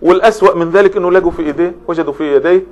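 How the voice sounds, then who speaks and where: Fast-talking male lecturer. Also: high voice, darkish tone, muffled recording. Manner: explanatory, lists examples, frequent restarts. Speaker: literature lecturer. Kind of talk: spoken lecture on poetry.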